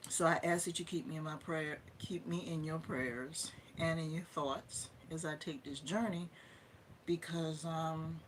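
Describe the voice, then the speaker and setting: A woman's voice: sits low, steady tone, a little slow, a little hiss or hum. A Southern woman in her fifties hosting a casual livestream, emphatic and opinionated, repeating points for stress. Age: 50s. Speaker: livestream host.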